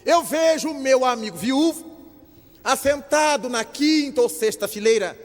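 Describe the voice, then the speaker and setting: An older man from Brazil, telling an animated story at a lecture and acting out the dialogue in shifting voices. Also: very high-pitched, unhurried. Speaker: spiritist lecturer. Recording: long hall reverb.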